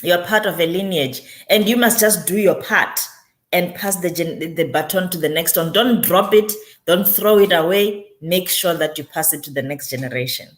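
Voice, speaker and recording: A woman's voice: on the low side, moderate pace. A woman guest, a community developer and author, talking reflectively in an interview and driving points home by repeating phrases. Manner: emphatic, repeats phrases for weight.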